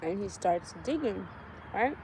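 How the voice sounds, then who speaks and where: A woman recaps a story in loose, everyday talk, with plenty of slang and swearing and an animated delivery. Her pitch sits in a middle range. A steady background noise runs under her voice, with a vehicle passing. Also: unhurried, poor audio. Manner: animated, profane, slangy retelling. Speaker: vlogger retelling a book. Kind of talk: casual storytelling.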